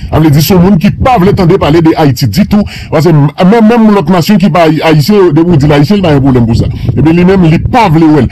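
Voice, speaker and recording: Guy commenting on the news, kinda rambling, bit high voice, faint hiss behind. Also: lively intonation, fairly quick, hardly any pauses, warm tone, poor audio. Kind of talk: commentary to camera.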